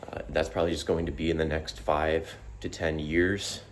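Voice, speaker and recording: A man's voice: very deep voice, level tone, moderate pace, a little hiss or hum. A man giving a casual, rambling opinion monologue to the camera, full of fillers and restarts, a bit out of breath after exercise. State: out of breath after push-ups. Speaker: vlogger.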